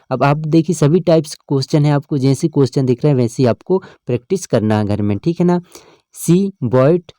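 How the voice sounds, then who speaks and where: Man teaching grammar, deep warm voice, keeps saying ok right, dry close recording. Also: dry recording. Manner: explains step by step, often adds "ठीक है ना". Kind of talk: exam-prep lesson.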